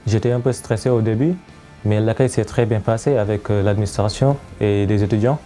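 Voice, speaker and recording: Young man, from Senegal, calm measured student testimonial, low mellow voice, soft music.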